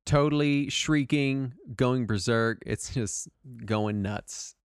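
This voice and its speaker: A man's voice: mid-range voice, slow, clear, resonant tone, dry recording, studio quality. A man narrating a tabletop game as game master, often laughing and joking with a player. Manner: laughing, playful, lively.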